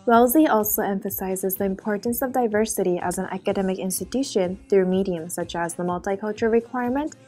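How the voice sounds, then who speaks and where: A young woman, a student, reading scripted narration slowly and in a measured way. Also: medium pitch, a little mellow, faint music behind. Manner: slow and measured.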